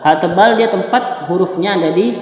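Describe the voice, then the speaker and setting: Indonesian man teaching Quran recitation. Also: sits high. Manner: explains rules, then chants slow drawn-out demonstrations. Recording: echoey room with long reverb.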